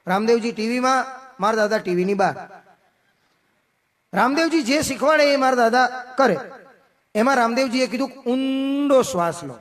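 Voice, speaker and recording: A man performing folk comedy on stage. He tells jokes as dialogues and drops lower and softer for his own replies. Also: normal speed, long pauses. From Gujarat, India. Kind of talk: live folk comedy storytelling. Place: outdoor festival stage.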